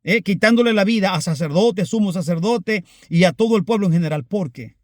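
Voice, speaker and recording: A man with a notably high voice preaches a sermon, earnest and insistent, calling his listeners brothers. His delivery swings between emphatic rises and quiet asides. The sound is dry and close. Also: animated, brisk, no echo.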